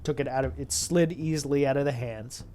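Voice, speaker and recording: A man running a tabletop game as dungeon master, describing the scene in a halting way, often stopping to restart and correct himself. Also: mid-range voice, mellow, faint music behind.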